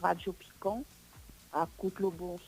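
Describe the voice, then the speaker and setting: A woman's voice: on the low side, fairly even intonation, measured pace, a little mellow, soft background music, rough recording. A woman, calling into a live radio game and answering hesitantly. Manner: hesitant, puzzled. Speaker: caller. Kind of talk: phone call on live radio.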